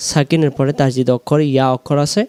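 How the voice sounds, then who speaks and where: A man teaching Quran recitation, slowly drawing out the verses and then explaining each sound quickly. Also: mid-range voice, steady tone, darkish tone, smooth. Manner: slow drawn-out recitation alternating with quick explanations.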